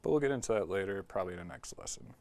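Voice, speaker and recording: Rapid-fire and low-sitting, a man's voice runs through a music production tutorial from his studio's talkback mic. The explaining is easygoing and thick with "like" and "um."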